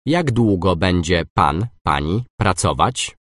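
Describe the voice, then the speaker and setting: Man, very deep voice, lively intonation, dry close studio sound, clear course phrases. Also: no room sound. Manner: slow, clear, reads masculine and feminine forms. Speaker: language course speaker. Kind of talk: scripted phrase reading.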